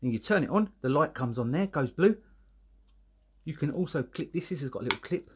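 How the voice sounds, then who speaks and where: A man, a little out of breath, chats his way through a product review in a loose, rambling way. His voice is slightly husky, and he keeps restarting his sentences. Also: a little high, lively intonation, brisk, fairly bright tone. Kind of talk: casual product review vlog. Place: indoor room, filming himself alone.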